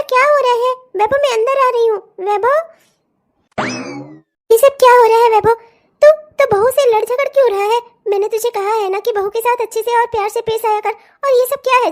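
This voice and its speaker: A woman voicing a coaxing, motherly but cunning middle-aged mother-in-law in a cartoon. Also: extremely high pitch. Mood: scolding. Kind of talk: cartoon voice acting.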